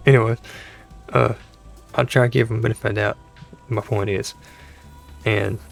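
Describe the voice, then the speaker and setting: Talking casually over gameplay on his gaming channel, this host has a rather low, hoarse, gravelly voice with a creak and a dry throat. He sounds exasperated and rambling, frequently restarting what he says.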